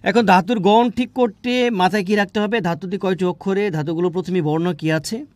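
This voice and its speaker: A man teaching an exam-prep grammar lesson, asking questions and answering them himself, drawing words out slowly. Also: high-pitched, steady tone, a little mellow, dry recording.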